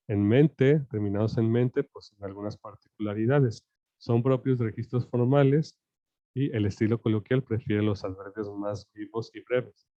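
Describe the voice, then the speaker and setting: Low, mellow-voiced man teaching from slides. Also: no echo. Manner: explains slides with fillers and "¿no?" checks. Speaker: language teacher. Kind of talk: recorded slide lecture. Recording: dull, dry lo-fi.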